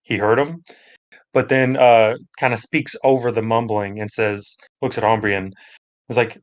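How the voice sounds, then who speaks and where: A man's voice: fairly low pitch, steady tone, measured pace. A man playing a tabletop game, casually narrating what his character does. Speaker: player.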